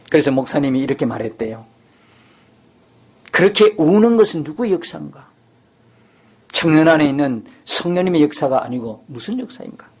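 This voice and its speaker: High-voiced Korean pastor preaching. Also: male voice. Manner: acts out quoted prayers with rising intensity; drops to a soft near-whisper at times. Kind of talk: sermon.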